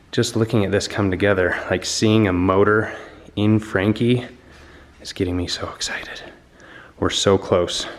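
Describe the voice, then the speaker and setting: A man with a low, deep voice chats to the camera while he wrenches on a project car in a garage. He sounds eager and casual, and his voice drifts nearer and farther from the camera mic as he moves around the work. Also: roomy sound, a little hiss or hum. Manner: excited, chatty, talks to camera while working on the car. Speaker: car builder and channel host. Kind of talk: casual garage build vlog.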